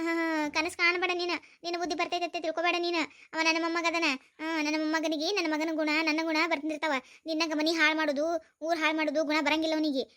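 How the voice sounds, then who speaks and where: A woman's voice: high-pitched, a bit bright. A woman with a North Karnataka accent playing a bossy, taunting old mother-in-law in a village comedy sketch. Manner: taunting, domineering.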